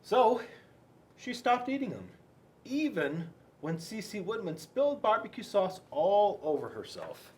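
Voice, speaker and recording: Reading a picture book to kids, a school resource officer keeps things playful, chatting and tossing out rhetorical questions. He speaks a little slowly in a high voice with big pitch swings.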